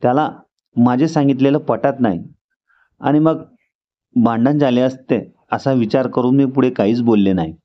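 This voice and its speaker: A man reading a first-person story aloud as a steady narrator. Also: mid-range voice, moderate pace. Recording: dull lo-fi recording.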